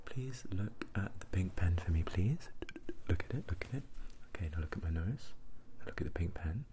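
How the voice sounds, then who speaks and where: A man doing a whispered role-play as an ASMR performer, repeating instructions and questions as he shifts between whisper and soft low voice. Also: animated, normal speed, noisy background. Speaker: ASMR performer giving mock eye tests.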